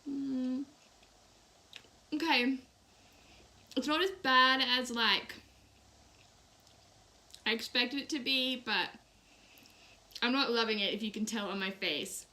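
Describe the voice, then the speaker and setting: Bright, high-voiced young woman chatting on a live stream. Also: slow, pauses often. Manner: chatty, eats snacks while talking. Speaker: YouTuber and English teacher in Japan. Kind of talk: casual live-stream chat.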